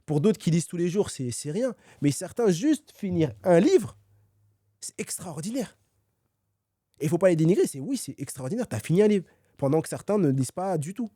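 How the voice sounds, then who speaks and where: A man speaks as the guest author in a podcast conversation, full of energy and quick restarts. His voice sits a bit high yet sounds mellow and relaxed. The recording is dry and close. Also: dry recording. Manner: energetic, many fillers and restarts.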